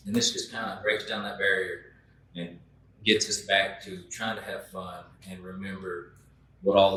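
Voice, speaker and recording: Deep-voiced man, easygoing. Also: bright, forceful tone. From Oklahoma. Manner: easygoing, with frequent "uh" pauses. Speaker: taxidermy instructor and guest. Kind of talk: relaxed roundtable talk. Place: group class in Texas, indoors. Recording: echoey room.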